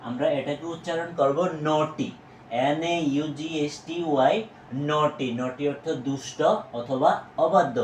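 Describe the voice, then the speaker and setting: A man's voice: a little high, steady tone, unhurried. A man with a Bangladeshi accent teaching a vocabulary lesson, spelling words letter by letter and repeating how to say them, quizzing his students as he goes. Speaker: English teacher. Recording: echoey room with faint noise.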